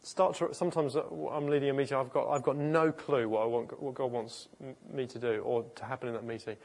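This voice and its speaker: A man's voice: mid-range voice, steady tone, fast talker, darkish tone. A man preaching a sermon in an informal, earnest way, often restarting and correcting himself mid-sentence. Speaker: pastor. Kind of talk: conversational sermon.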